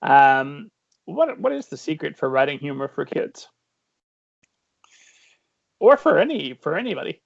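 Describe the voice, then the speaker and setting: A man's voice: a little high, very animated, unhurried, vocal fry, pauses often, no echo. A man interviewing an author in a playful way, laughing easily and restarting his sentences. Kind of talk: casual interview. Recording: dry, dull lo-fi sound.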